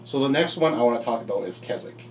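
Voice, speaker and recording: A man being interviewed as a home builder, talking in a relaxed, halting way with fillers. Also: mid-range voice, distant mic, a little hiss or hum, low-quality recording. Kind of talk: casual interview.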